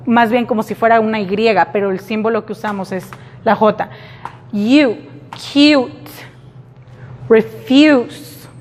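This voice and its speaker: Teacher lady, slow, says each word twice for the class, echoey room. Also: fairly high pitch, a little mellow. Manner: slow, repeats example words for the class. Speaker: English teacher. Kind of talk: classroom English lesson. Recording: reverberant classroom.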